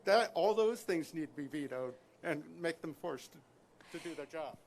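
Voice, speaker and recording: High-pitched middle-aged man asking. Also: expressive, normal speed, a little hiss or hum. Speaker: audience member asking a question. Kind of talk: halting spoken question at a rally.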